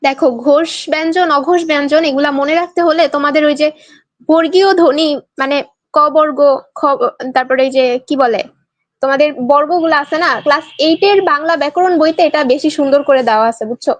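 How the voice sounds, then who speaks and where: A woman's voice: high-pitched, fairly even intonation, a little fast, dry recording. A young woman from Bangladesh teaching an online exam-prep class, quizzing students and reading their answers aloud with a playful, teasing manner.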